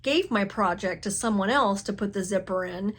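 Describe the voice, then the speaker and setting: A woman's voice: mid-range voice, normal speed. Chatty, self-mocking woman crafter. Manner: animated, self-mocking, laughs often. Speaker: crafting channel host. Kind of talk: casual chatty vlog. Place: home craft room.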